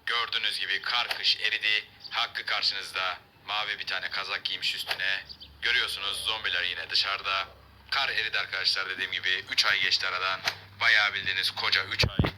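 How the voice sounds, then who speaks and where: A man hosting a game video, commentating and role-playing in an animated, joking way. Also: sits low, fairly quick, slight background noise, rough recording. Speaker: gaming video host.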